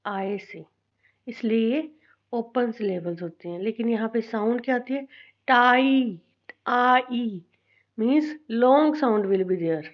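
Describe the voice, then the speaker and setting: A woman with an Indian accent teaching an English lesson, speaking slowly and deliberately, spelling out letters and repeating things for her students. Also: fairly high pitch, lo-fi sound. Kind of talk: classroom lesson mixing Hindi and English.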